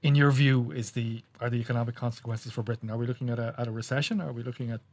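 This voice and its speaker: A man's voice: mid-range voice, fairly even intonation, racing, no room sound. A man hosting and interviewing on a business discussion podcast.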